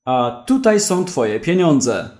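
Man reading treacherous leader, bossy commands, lively pitch. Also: takes it slowly. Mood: mocking. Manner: bossy, barked orders.

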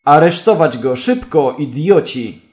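A weary, impatient judge barks curt orders, as a man reads him in a story. The voice sits fairly high and moves freely up and down. He speaks slowly even when he snaps. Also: roomy sound. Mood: commanding. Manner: curt commands. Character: tired, impatient male judge.

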